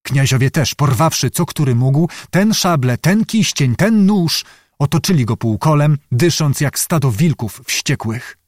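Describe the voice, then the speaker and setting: A man narrating an audiobook of a historical novel in a measured, even manner. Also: fairly high pitch, no room sound, studio quality.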